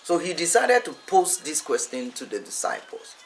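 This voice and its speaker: A man's voice: fairly high pitch, very animated, moderate pace, slight background noise. A man preaching a teaching sermon, speaking emphatically and repeating phrases for effect.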